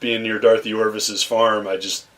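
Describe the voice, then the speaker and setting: On a podcast, a young Massachusetts man rambles through stories from his childhood, full of fillers and restarts, in a relaxed conversational style. His voice is fairly low and a bit bright, with little pitch movement and normal speed.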